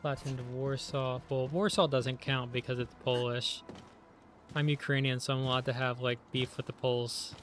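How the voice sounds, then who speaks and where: A man's voice: medium pitch, flat delivery, moderate pace, fairly bright tone, faint music behind. A man chatting casually while playing a video game on a live stream. He rambles with lots of filler words and is running on very little sleep. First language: English. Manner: rambling, chatty, heavy use of "like".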